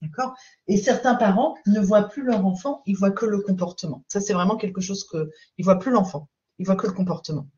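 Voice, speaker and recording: A woman parenting coach giving a live-streamed talk. She explains calmly and patiently and keeps checking in with her viewers. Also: mid-range voice, brisk, lo-fi sound.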